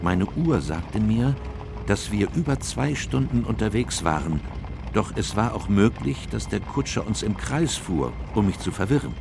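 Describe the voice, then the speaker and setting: An actor playing an earnest, troubled doctor who narrates a radio drama in a measured, reflective way. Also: male voice, fairly low pitch, very animated, gravelly, noisy background, heavily acted. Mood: sombre reflection.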